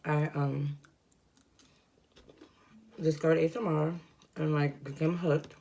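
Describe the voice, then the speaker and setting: Low, gravelly woman chatting while eating. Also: takes it slowly, a little hiss or hum. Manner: rambling, filler-heavy, relaxed. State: congested, breathing heavily from a cold. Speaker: mukbang vlogger. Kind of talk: casual chat while eating. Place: at home indoors.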